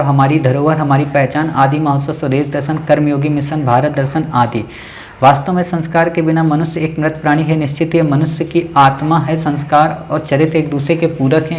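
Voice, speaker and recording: A man's voice: fairly high pitch, a little mellow, slight background noise. A male teacher reads a student's essay aloud in a lesson, stopping often to correct words and checking in with short "okay?" tags. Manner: tag questions like "okay?".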